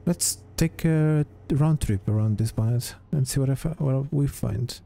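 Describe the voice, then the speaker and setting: Speaking at a slightly slow pace in a medium-pitched, gravelly voice with a dark tone, a man hosts a let's play. He gives casual gameplay commentary, muttering his thoughts aloud hesitantly as he plays.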